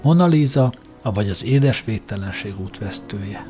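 A man voicing a scheming male court scholar machine who speaks low and flatters his king. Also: soft background music, natural voice. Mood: flattering.

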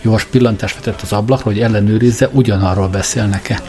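A man narrating an audiobook in a dry, measured storytelling manner. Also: fairly low pitch, fairly even intonation, dark tone.

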